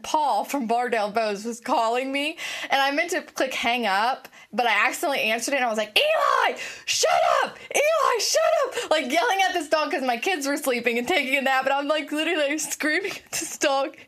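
A woman's voice: high-pitched, brisk, hardly any pauses, fairly bright tone. A woman in her thirties co-hosting a podcast, telling a casual story with lots of fillers and laughs. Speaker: podcast co-host. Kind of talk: casual chat.

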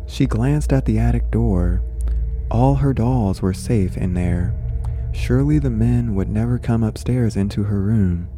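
A man's voice: on the low side, a little slow, dark tone, faint music behind. A man reading a horror short story aloud after a loose, chatty intro. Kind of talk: casual intro and story narration.

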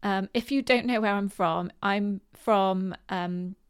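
A woman's voice: mid-range voice, slow, clear, resonant tone. A woman from Bristol with a West Country English accent, hosting a podcast solo in a chatty, informal, hesitant way full of ums. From Bristol, southwest England. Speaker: podcast host. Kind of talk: casual solo podcast talk.

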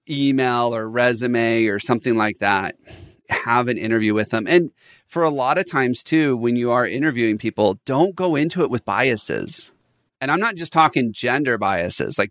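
A man hosting a conversational interview as a business coach, telling stories with animated delivery and frequent laughter. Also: mid-range voice, moderate pace, no echo, studio quality.

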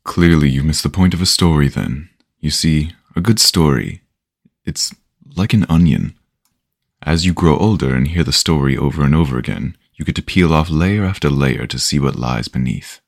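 A man voicing an older castaway storyteller who teases and lectures in an unhurried, knowing way. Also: very deep voice, gravelly, no echo, studio quality, heavily acted. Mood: wry. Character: older wry storyteller, patient and teasing.

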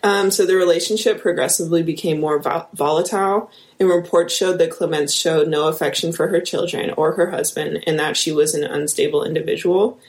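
A woman's voice: sits low, fairly even intonation, fairly quick, hardly any pauses. A woman with a Midwestern accent, co-hosting a true-crime podcast and reading case notes with casual ums and asides. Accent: Midwestern American. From American Midwest. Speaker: podcast co-host, lead investigator.

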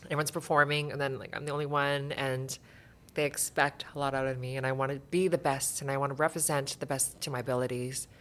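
Low-voiced bubbly woman guest. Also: flat delivery, fast, a bit bright. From Canada. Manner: bubbly, laughs often. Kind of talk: casual podcast interview.

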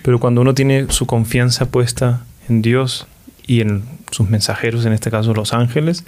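A man's voice: medium pitch, fairly even intonation, normal speed, a little mellow. A man hosting a religious podcast, reflecting earnestly on faith and addressing his listeners directly. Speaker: podcast host.

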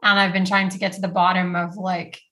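A woman's voice: fairly low pitch, flat delivery, fairly quick, bright, forceful tone. A woman from Brazil, a podcast guest, talking casually about her career with many "like"s and small laughs. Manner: chatty, uses "like" often, laughs between phrases. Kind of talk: casual interview talk.

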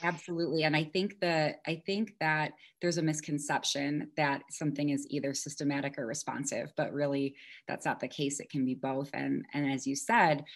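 A woman with a notably low voice speaks as a guest in a podcast interview. She explains her ideas earnestly and articulately, with a few ums along the way. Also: steady tone, normal speed. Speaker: podcast guest, instructional coach. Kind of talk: conversational interview.

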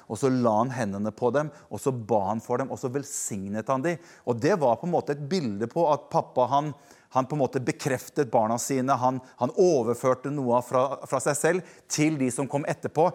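A man giving a conversational sermon, informal, often restarting and searching for words, speaking directly to listeners at home. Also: mid-range voice. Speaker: preacher.

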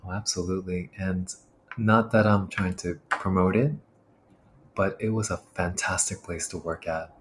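A man's voice: deep voice, steady tone, normal speed, a bit bright, a little hiss or hum. A man who is a pastor and military chaplain, talking reflectively as a guest on an interview show.

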